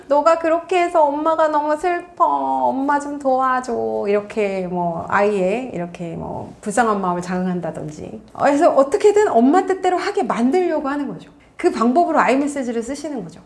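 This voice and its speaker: Earnest woman coaching parents. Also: fairly high pitch. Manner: earnest, coaching tone, acts out parent and child lines. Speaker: college counselor and parenting author. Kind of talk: parenting advice talk to camera.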